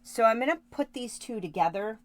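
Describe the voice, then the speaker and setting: A woman's voice: a little high, animated, a little fast, dry recording. A woman hosting a card-making tutorial, chatting casually with live viewers while she works, with rambling asides and self-corrections. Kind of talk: casual craft demonstration.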